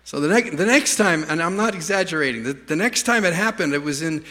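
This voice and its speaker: A man's voice: a little high, lively intonation, brisk, a bit bright. A middle-aged man preaching a storytelling sermon, rambling through anecdotes with stammering restarts and self-deprecating humor. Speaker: pastor. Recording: reverberant church hall.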